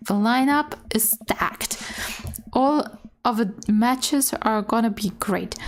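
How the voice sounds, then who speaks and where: A woman's voice: on the high side, slight background noise. A woman gaming streamer reading game dialogue aloud with casual, candid asides, sometimes stumbling over the words. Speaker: gaming streamer doing a let's play.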